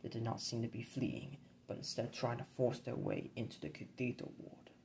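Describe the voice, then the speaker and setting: A man narrating a dark board game campaign in a measured, grim storybook reading. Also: mid-range voice, monotone, gravelly, a little hiss or hum, low-quality recording.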